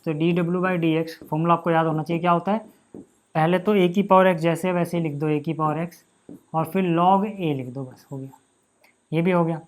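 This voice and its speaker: A man teaching a maths lesson, talking casually to students and repeating each step slowly as he writes. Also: high voice, darkish tone. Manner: casual, addresses students as bhai and yaar, repeats steps slowly while writing.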